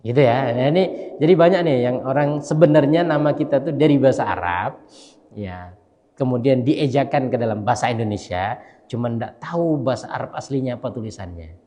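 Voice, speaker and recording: Imam lecturing in a reverberant mosque. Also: male voice, mid-range voice, expressive, warm tone. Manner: conversational, keeps asking listeners "ya kan?"; spells out Arabic letters slowly. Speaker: mosque imam and religious teacher. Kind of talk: casual dawn study lecture. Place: large mosque. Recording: long hall reverb in a mosque.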